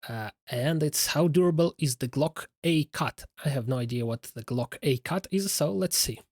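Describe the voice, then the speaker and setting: A man's voice: on the high side, normal speed, a little mellow, breathy edge, no echo, studio quality. A man giving casual, laid-back reaction commentary as a streamer, often in brief murmured responses.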